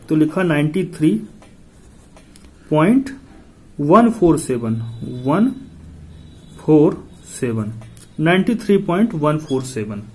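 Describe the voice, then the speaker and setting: A male tutor talks through a lesson step by step, repeating himself patiently. His voice sits somewhat high for a man, yet sounds mellow and soft-edged. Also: poor audio. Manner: patient, repetitive explaining, talking the viewer through each step. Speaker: maths tutor. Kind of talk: step-by-step maths lesson, counting digits aloud.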